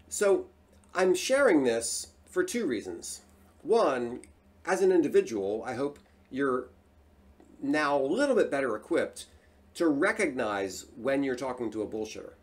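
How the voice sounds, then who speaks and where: Animated man hosting a solo talk. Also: mid-range voice, unhurried. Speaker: host.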